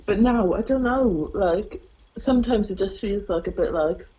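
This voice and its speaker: A young woman from South Wales with a Welsh accent speaks at normal speed in a mid-range, dark voice, and the recording is muffled. She is a stand-up comedian in a casual interview chat, rambling and self-deprecating with lots of fillers.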